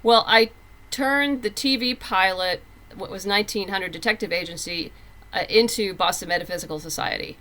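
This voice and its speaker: This woman, a writer in an interview, speaks at a moderate pace in a sharp, mid-range voice. She tells her stories conversationally and with emphasis, voicing quoted thoughts, over background noise.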